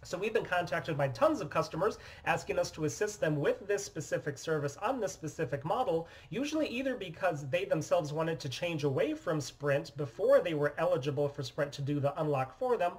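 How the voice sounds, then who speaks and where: Male demo host, 30s, slightly raised pitch, steady explainer tone, small office room. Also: a little fast, few pauses, husky, rough recording. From United States. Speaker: phone repair business owner. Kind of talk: scripted product demonstration.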